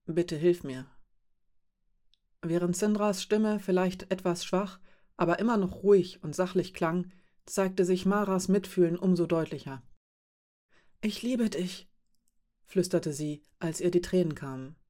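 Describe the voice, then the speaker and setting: A woman reading a novel aloud in calm, measured narration. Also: lowish voice. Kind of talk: scripted audiobook narration.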